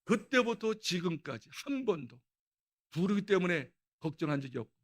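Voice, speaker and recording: During a dawn prayer service in a church sanctuary, a male pastor with a notably high-pitched voice gives a personal testimony at normal speed. He preaches in an animated, storytelling style and often breaks into laughter.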